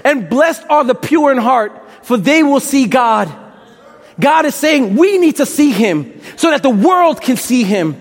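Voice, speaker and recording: A young preacher from Brooklyn, New York, speaks a little slowly in a very high, very animated voice and a Brooklyn accent. His campus sermon is packed with impassioned rhetorical questions and a bit of casual slang, and the big hall leaves long reverb.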